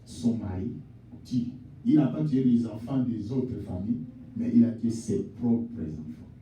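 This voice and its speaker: A male pastor preaches to his congregation, calling them mother and sister. His dark voice climbs into shouts and sinks to quiet asides. The sound is roomy and distant, as if the mic sits far off in a reverberant church. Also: a little slow. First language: not English. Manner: swings from shouted exhortation to low, quiet address; addresses the congregation directly as mother, father, sister. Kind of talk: sermon. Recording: echoey church hall, voice from off-mic.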